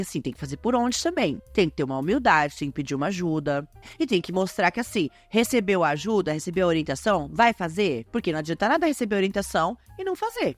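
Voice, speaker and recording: A woman's voice: lowish voice, no room sound. Chatty Brazilian woman hosting a podcast. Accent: Brazilian Portuguese. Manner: chatty, lively, addresses listeners as gente. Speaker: podcast host. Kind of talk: casual podcast monologue.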